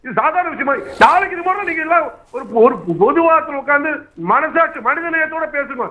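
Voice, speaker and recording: A man making a formal statement as a panelist in a TV debate, measured and formal. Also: very high-pitched. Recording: tinny phone line.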